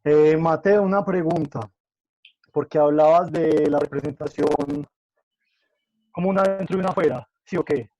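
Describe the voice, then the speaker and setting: A man's voice: fairly high pitch, moderate pace, dark tone, no echo, lo-fi sound. A man asking a thoughtful question in an academic discussion, his audio choppy and breaking up over a video call. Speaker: audience member asking a question.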